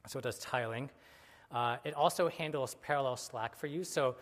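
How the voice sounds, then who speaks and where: A man's voice: medium pitch, normal speed. Casual man lecturing in a reverberant hall. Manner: casual, many fillers and self-corrections. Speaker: conference speaker. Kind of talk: technical conference talk. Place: conference hall.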